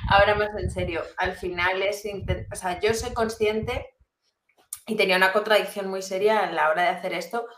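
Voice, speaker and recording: A woman's voice: mid-range voice, steady tone, normal speed, fairly bright tone. Joking, laughing woman in a roomy space. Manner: laughs often, loose and joking. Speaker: guest philosopher answering questions. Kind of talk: casual chat. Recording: roomy echo with faint noise.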